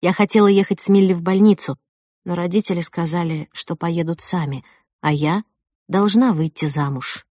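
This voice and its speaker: A woman narrating a first-person audiobook in an expressive way. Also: on the low side, normal speed, no echo, studio quality. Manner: expressive, rising with the drama.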